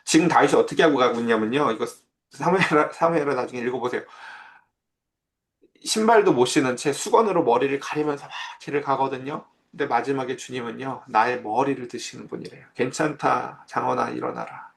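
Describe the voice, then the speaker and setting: A man's voice: medium pitch, brisk. A man preaching a sermon as pastor, in a conversational way that keeps asking his listeners questions.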